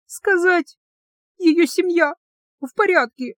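A fiery, defiant young woman yells at her captor in a high, strained voice, as a woman reading the story puts her on. Her pitch leaps about with indignation. The sound is close and dry. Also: animated, brisk, no echo, lightly acted. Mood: tearful. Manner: shrill and indignant, shouting threats. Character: hot-tempered young woman, defiant captive.

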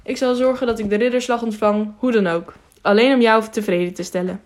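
An earnest, serious young traveller in a storybook audiobook, voiced by a woman. He speaks calmly and steadily. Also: fairly high pitch, a little fast, lightly acted.

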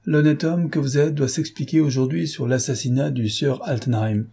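A man's voice: medium pitch, fairly even intonation, moderate pace, vocal fry, warm tone, husky. A man reading the part of a smug, pompous examining magistrate in an audiobook, condescending and sure of himself.

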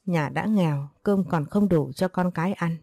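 A woman's voice: lowish voice, normal speed, vocal fry, dark tone, no echo. A woman voicing a poor, distraught middle-aged village wife who laments and pleads.

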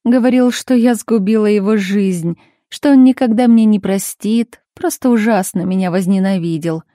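A woman's voice: mid-range voice, normal speed, warm tone, no room sound, clean studio sound, close to an everyday voice. A woman voicing a cold, defensive older mother who answers in raised, indignant exclamations, in a storybook reading.

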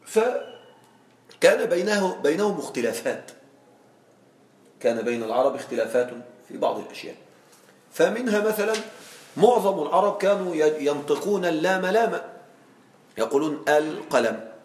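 A man's voice: on the high side, animated, moderate pace, pauses often, darkish tone. A man teaching Arabic grammar in a classroom, explaining patiently and often checking that students follow. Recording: echoey classroom, faint background noise.

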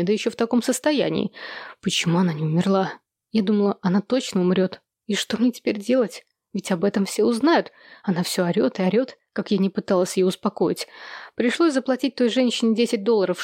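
A woman reading an audiobook, voicing a prim, hysterical middle-aged woman who complains in a shrill, sobbing way. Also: a little mellow, no room sound, clean studio sound, lightly acted.

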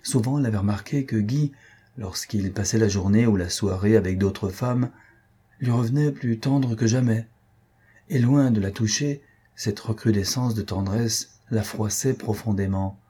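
Low, husky male audiobook narrator. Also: moderate pace, mellow. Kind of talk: novel narration.

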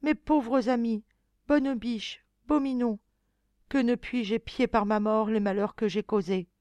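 A woman's voice: fairly high pitch, fairly even intonation, unhurried, darkish tone, no echo, voice pushed up, natural voice. A woman voicing a grieving, remorseful young girl in an audiobook, pleading and tearful in a raised voice. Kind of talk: audiobook reading.

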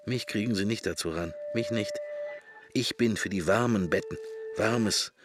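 A lowish-voiced actor, speaking at normal speed with background noise, gives a lightly acted interior monologue in a German radio drama. He portrays a pensive middle-aged man who mutters to himself in wry, morbid, brooding fragments that are short and broken.

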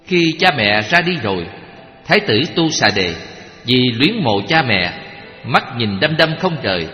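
A man's voice: medium pitch, big pitch swings, a little slow, dull audio. Solemn man reading a Buddhist story. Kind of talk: recited scripture story. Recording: echoey hall with faint music.

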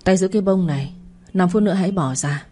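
A woman's voice: lowish voice, fast talker, mellow, husky. A woman voicing a jealous, controlling young husband in a spoken story, with harsh, curt lines.

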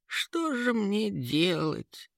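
A man voicing a fierce, desperate troll mother in a storybook, shouting and anguished. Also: high voice, big pitch swings, extremely slow, creaky, dry recording, clean studio sound, voice pushed up, heavily acted.

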